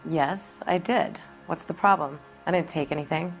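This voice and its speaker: Over background music, a woman with a low, creaky voice speaks at a moderate pace. She's voicing a brassy, hard-bitten young American dame in a 1940s crime video game, sounding blunt, slangy, defiant and evasive in this period crime drama performance.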